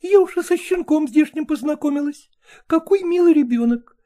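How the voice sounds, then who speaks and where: A woman's voice: sits high, moderate pace, dark tone, pitched above the performer's own voice, lightly acted. A woman voicing a cheeky female stray dog in an audiobook, chattering in a coquettish, wheedling way. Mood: coquettish teasing. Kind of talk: audiobook character voice.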